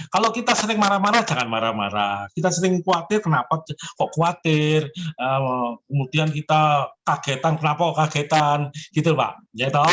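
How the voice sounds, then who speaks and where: A man in his seventies with a fairly high voice, giving emphatic, encouraging personal readings. A faint hiss of noise sits behind him. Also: fairly bright tone. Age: 70s. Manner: encouraging and emphatic, often addresses the listener as sir. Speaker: zodiac fortune consultant.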